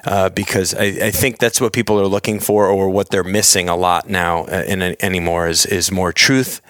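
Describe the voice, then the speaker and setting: A man's voice: low voice, level tone, moderate pace, fairly bright tone, no room sound, clean studio sound. A man hosting a podcast, talking to listeners in a conversational, encouraging, rambling way. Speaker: podcast host.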